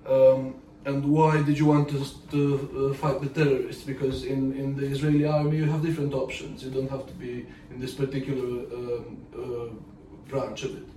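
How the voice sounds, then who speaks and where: A man's voice: medium pitch, flat delivery, moderate pace, mellow. A man hosting a podcast, who reads a scripted introduction and then asks questions with some fillers. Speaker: podcast host. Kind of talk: podcast interview. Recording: echoey room, distant mic, faint noise.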